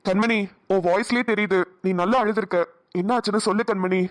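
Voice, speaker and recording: A woman's voice: medium pitch, fairly even intonation, a little fast, lightly acted. A woman voicing a caring young man in a cartoon drama, speaking in a soothing, coaxing, earnest way. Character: caring young man Karthik, gentle supportive friend.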